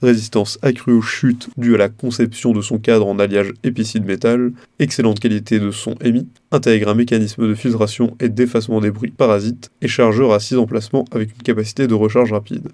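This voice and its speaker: A man's voice: lowish voice, level tone, fairly quick, few pauses, dark tone, dry recording. A man presenting a product review as scripted narration, in a formal, read-out way.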